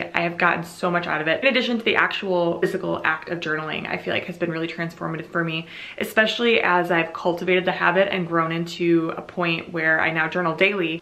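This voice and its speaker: A woman's voice: fairly low pitch, a bit bright. A woman in her late twenties chatting casually and earnestly to camera as a vlogger, sometimes reading aloud. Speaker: YouTube vlogger. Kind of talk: casual chat to camera, reading old journal entries. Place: small furnished room at home.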